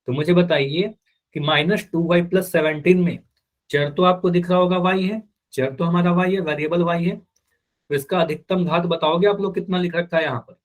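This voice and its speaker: A man teaching math in a live online class, asking students questions over and over and voicing their answers back. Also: fairly high pitch.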